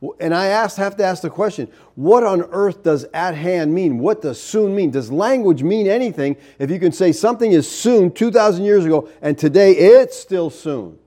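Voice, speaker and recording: A man's voice: high voice, normal speed, few pauses. Incredulous preacher man, voice rising sharply. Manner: animated and incredulous, arguing point by point. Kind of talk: sermon.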